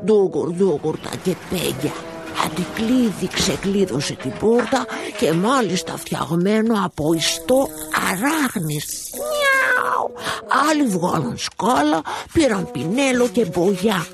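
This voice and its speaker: A woman's voice: medium pitch, expressive, over music, natural voice. A woman voicing a lazy, chatty male bookshop cat who narrates the story, playful and meowing.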